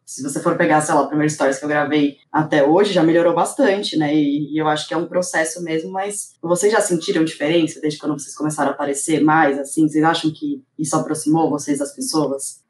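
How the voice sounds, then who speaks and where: A woman co-hosting a podcast, talking in a quick, self-deprecating, emphatic way. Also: low-pitched, steady tone, darkish tone. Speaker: podcast co-host. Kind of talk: casual podcast chat. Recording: roomy, distant mic with faint background.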